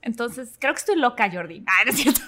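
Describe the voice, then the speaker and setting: A Mexican woman co-hosting a podcast, telling a childhood story in a lively, chatty way and acting out the voices in her head. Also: a little high, brisk, a little hiss or hum. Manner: animated, acts out inner voices. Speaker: podcast co-host. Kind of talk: casual storytelling chat.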